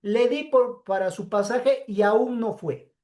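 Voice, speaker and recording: A woman's voice: on the high side, dark tone. A woman teacher giving a pre-recorded class lecture, explaining step by step and checking in with her students as she goes. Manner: slow, explanatory, frequent checking "¿sí?".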